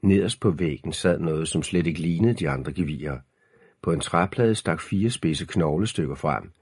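Deep husky male audiobook narrator. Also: a little mellow, no room sound, studio quality. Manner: measured, ominous storytelling.

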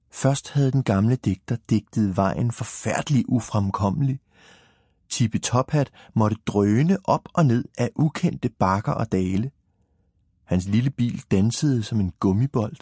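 A man calmly narrating a children's story in a measured reading. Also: mid-range voice, breathy edge, no room sound, studio quality.

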